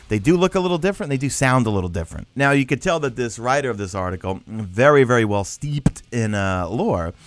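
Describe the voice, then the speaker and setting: A man's voice: mid-range voice, no echo. A man giving casual, emphatic commentary as a gaming news host, reading out articles and breaking them down conversationally. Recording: voice-over with background music. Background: background music.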